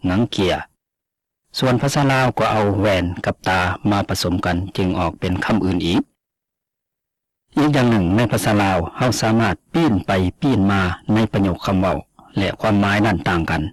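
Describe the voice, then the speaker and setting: A man presenting a scripted radio talk, reading slowly and measuredly and pausing on spoken examples. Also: lowish voice, no room sound.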